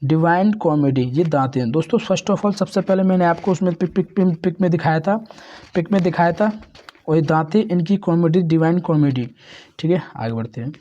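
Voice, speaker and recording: A man leads an exam-prep lesson in a relaxed, mellow voice. He repeats each answer and keeps addressing his listeners as friends. The recording sounds dull and lo-fi. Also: a little high, moderate pace.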